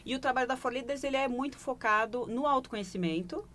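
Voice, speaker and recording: Amid crowd noise, a woman with a Brazilian Portuguese accent speaks fast in a high voice. A leadership consultant, she explains her work in a broadcast studio interview, reflective and tagging phrases with short questioning asides to check in.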